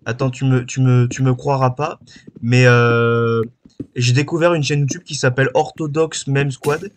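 A man's voice: medium pitch, steady tone, normal speed, a little hiss or hum. A man hosting a gaming channel, chatting casually while he plays, rambling and hesitant with many fillers. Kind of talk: casual chat while playing.

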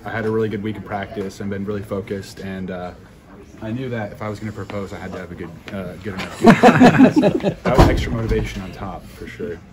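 A man's voice: on the low side, lively intonation, crowd noise. A young man, a college football punter, answering reporters after a game, upbeat and grateful, recorded on handheld phones in a busy interview area. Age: young adult. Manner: upbeat, grateful, talks quickly. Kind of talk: postgame press interview. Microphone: handheld recorders and phones held close.

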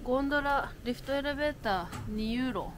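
A woman's voice: high-pitched, fairly quick, slight background noise. A woman, chatting to her camera as she walks around a city outdoors, laughing often. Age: 30s. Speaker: travel vlogger. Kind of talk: casual travel vlog narration. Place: outdoors in a windy, cold city.

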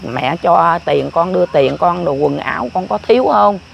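Gravelly older woman. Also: on the low side, normal speed, slight background noise. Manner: rambling, repetitive telling. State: often ill. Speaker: grandmother interviewed. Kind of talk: casual storytelling.

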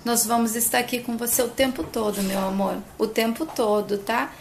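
A loving young husband promising to stay by his wife's side, spoken by a woman narrating a soap, quick and tender with a gravelly edge. faint noise underneath. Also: on the high side, steady tone.

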